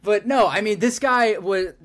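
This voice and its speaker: A young man co-hosting a casual sports podcast, getting excited as he talks. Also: high voice, measured pace. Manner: excitable, builds up energy in stories. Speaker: podcast co-host.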